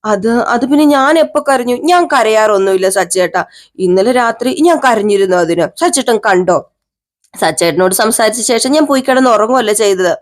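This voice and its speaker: A woman voicing a gentle young wife who answers her husband softly and bashfully. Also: medium pitch, expressive, fairly quick, close to an everyday voice.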